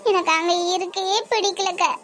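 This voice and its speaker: A woman voicing an upset young woman in an animated family drama, pleading as she complains. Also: very high voice, normal speed. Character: young woman, tearful and worried.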